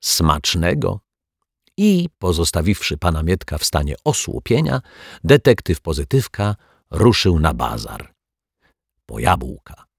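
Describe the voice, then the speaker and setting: Deep voiced guy reading a kids story, animated, slow, dry room. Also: gravelly, husky, no echo. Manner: lively, expressive reading. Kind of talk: children's story narration.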